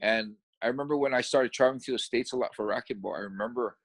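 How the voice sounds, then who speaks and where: Relaxed Hawaiian man, dry close sound. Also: mid-range voice, fast talker, dry recording. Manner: relaxed, rambling, frequent restarts. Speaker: interview guest. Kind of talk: casual interview talk.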